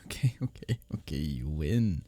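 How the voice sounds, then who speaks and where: Breathless and flirtatious, a man plays a smitten, teasing workplace rival in an intimate romantic roleplay. His rumbling low voice has lively intonation and a breathy, husky, halting quality that often falls to a whisper. There's noise in the background.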